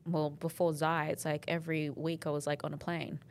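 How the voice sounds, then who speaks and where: A woman's voice: low voice, level tone, a little fast, a little hiss or hum. A woman co-hosting a casual podcast chat, talking loosely with trailing restarts. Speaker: podcast co-host.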